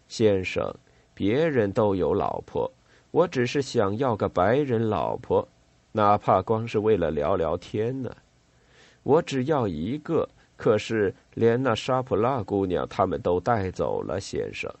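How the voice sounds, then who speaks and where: A man reading an audiobook voices a hoarse, cringing river guide who sobs, stammers and begs for a drink. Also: fairly low pitch, sing-song, measured pace, a little mellow, no room sound, highs cut off, exaggerated voice. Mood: sobbing. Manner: sobbing, pleading and stammering.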